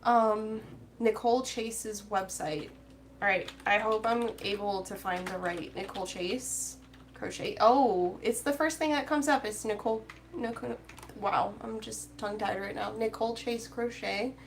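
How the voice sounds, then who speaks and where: A woman's voice: mid-range voice, measured pace, a little hiss or hum. A woman chatting casually with live viewers while she crochets, rambling and reading out their comments. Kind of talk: casual crochet-along chat.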